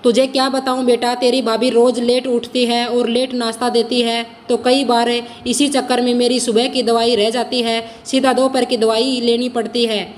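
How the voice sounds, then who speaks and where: A woman's voice: a little high, little pitch movement, normal speed, few pauses, long reverb tail, a little hiss or hum, close to an everyday voice. A woman voicing a doting but complaining older mother in a storybook reading, with a fussy, grumbling manner. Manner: soothing, then grumbling.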